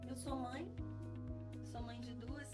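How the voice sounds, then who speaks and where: With music playing behind her, a gospel singer in her forties shares her personal testimony in an interview. She has a Brazilian Portuguese accent and a high, steady voice, speaking slowly in a soft-spoken, earnest, reflective way.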